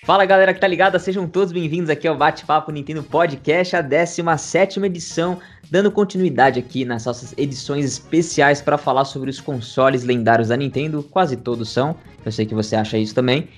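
Quick-talking Brazilian Portuguese man hosting. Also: a little high, fairly even intonation, soft background music. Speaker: podcast host. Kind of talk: casual podcast presenting.

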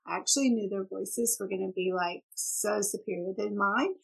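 A middle-aged guest author, born in Oklahoma and raised in Texas, chats casually in an interview, talkative and often laughing. Her Texan accent carries a slight polish from British stage work, and her mid-range, gravelly voice keeps a steady tone at a moderate pace on poor audio.

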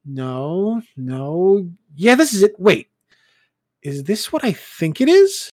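A man's voice: sits high, takes it slowly, no room sound, clean studio sound, voice pushed up, exaggerated voice. A man voicing a brash, bubbly young woman who works as a library clerk and swears cheerfully. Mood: excited, teasing. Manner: excited, blunt, teasing.

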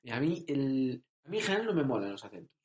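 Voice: mid-range voice, sing-song, fast talker, a little mellow. Co-presentador expresivo con eco. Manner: playful, opinionated, laughs often. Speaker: podcast co-host. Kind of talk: casual chat. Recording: roomy echo.

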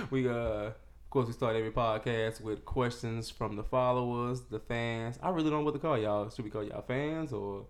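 A man's voice: mid-range voice, moderate pace. A young man hosting a casual podcast, loose and profane, joking and laughing often with his co-hosts. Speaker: podcast host.

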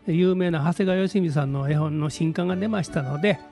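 A man with a Kansai accent, a radio guest talking about picture books in a relaxed, playful way. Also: fairly high pitch, brisk, gravelly, faint music behind. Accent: Kansai Japanese. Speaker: reading advisor guest. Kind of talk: radio talk show chat.

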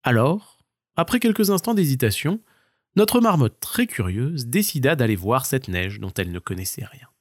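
A man narrating a children's bedtime story in a gentle, expressive and measured way. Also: mid-range voice, dry recording, studio quality.

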